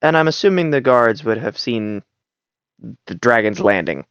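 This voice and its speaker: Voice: medium pitch, animated, moderate pace, a bit bright, clear, resonant tone, no room sound, muffled recording. A player describing their characters' moves in a tabletop game, rambling and hesitant, fighting yawns.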